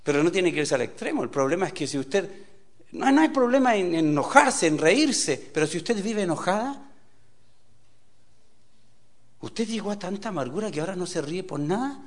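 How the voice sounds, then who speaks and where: A male preacher delivering a sermon with lively, swinging intonation. His voice sits a bit high for a man. He peppers the talk with rhetorical questions and moves between loud exclamations and quiet asides. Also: a little fast. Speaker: pastor.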